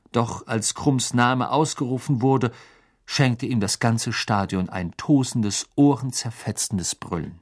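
Male audiobook narrator, animated, lively pitch, expressive telling. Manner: expressive storytelling. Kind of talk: scripted narration.

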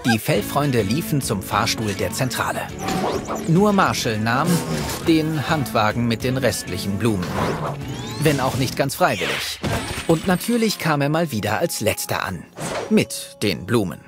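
A man's voice: mid-range voice, very animated, a little slow. A man narrating a scripted story for children. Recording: prominent music behind.

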